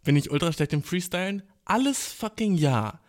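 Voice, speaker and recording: A young man chats through his solo podcast in a hyperactive, playful rush. His voice sits a little high, and he swears freely and calls everyone bro. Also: expressive, normal speed. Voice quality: slangy, swears a lot, says bro constantly. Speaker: podcast host. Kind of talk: casual solo podcast chat. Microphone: phone in hand.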